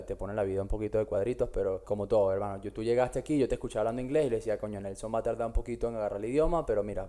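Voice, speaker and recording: A man's voice: fairly low pitch, warm tone. A Latin American man, bantering in slang as co-host of a casual podcast. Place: Australia.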